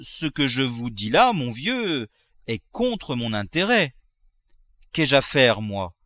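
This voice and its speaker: A man's voice: mid-range voice, sing-song, slow, fairly bright tone, no room sound, clean studio sound. A man voicing an elderly notary who talks in a persuasive, confiding way, in an audiobook reading. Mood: coaxing. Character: elderly male notary, coaxing and shrewd.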